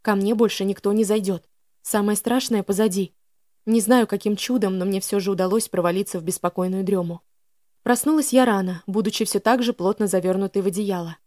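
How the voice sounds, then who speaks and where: A woman's voice: mid-range voice, fairly even intonation, a little fast, a little mellow, no echo, clean studio sound. A woman narrating a first-person audiobook in an emotional, dramatic reading.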